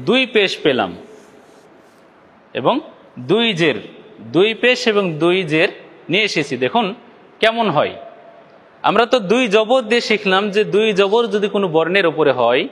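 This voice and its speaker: A man from Bangladesh leads viewers step by step through Quran recitation, asking questions and then answering them, and stretching out syllables as demonstrations. His high-pitched, fairly bright voice has a big-room sound.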